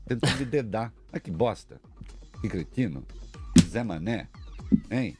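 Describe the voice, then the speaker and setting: A man from Brazil hosting an opinionated talk radio show, combative and sarcastic, mocking people with put-on voices and swinging from muttered asides to loud outbursts. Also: lowish voice, expressive, a little slow, loud music behind the voice. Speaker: radio commentator.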